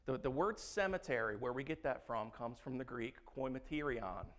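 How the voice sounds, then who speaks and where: A man's voice: medium pitch, lively intonation, normal speed. Earnest male preacher with emphatic delivery. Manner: earnest, emphatic with repeated words and restarts. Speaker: pastor. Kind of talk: sermon.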